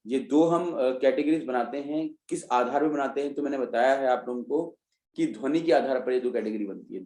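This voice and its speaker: Male teacher for an online revision class, mellow tone, talks through each point and answers his own questions, roomy sound. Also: medium pitch. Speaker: Hindi teacher. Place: online class, students joining remotely.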